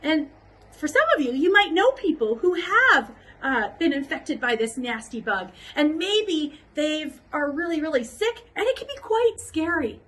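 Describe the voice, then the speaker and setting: A woman children's pastor telling a Bible story to kids, casual and animated, acting out the crowd's voices. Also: high-pitched, measured pace, low-quality recording.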